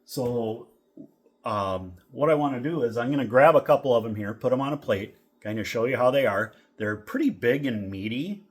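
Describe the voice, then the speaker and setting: A middle-aged man from Minnesota casually reviewing food in a relaxed, rambling vlog with lots of fillers. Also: mid-range voice, moderate pace. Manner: rambling, easygoing, with many fillers. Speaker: vlogger.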